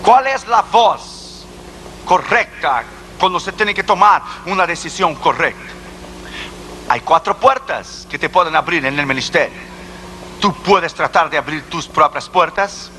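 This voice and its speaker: A man's voice: on the high side, animated, a little slow, sharp tone, slight background noise, rough recording. Male evangelist, middle-aged, emphatic sermon delivery with a tense, ringing voice. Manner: emphatic, rhetorical questions. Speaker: evangelist preacher.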